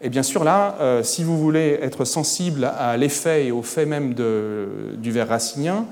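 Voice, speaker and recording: A man giving an academic lecture at a conference, erudite and hesitant, often pausing on filler sounds. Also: medium pitch, a little mellow, in a large hall. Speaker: conference speaker. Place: conference hall.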